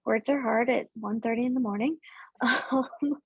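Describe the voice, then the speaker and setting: A woman's voice: fairly high pitch, normal speed, breathy edge, no echo. A woman guest chatting casually on a roundtable podcast, hesitant, with many ums and restarts. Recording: dull lo-fi audio.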